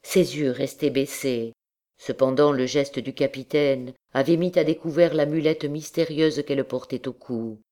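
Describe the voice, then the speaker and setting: A woman reading a classic novel aloud as an audiobook narrator, in a measured, expressive way. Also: extremely low pitch. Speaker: audiobook reader. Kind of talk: scripted narration.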